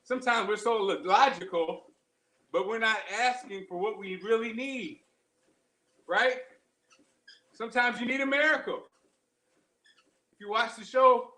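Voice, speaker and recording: Guy doing a motivational live chat while running on a treadmill, high forceful voice, short puffed phrases, repeats stuff for emphasis, echoey. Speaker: show host. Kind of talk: casual motivational livestream chat. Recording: roomy, echoing live-stream sound.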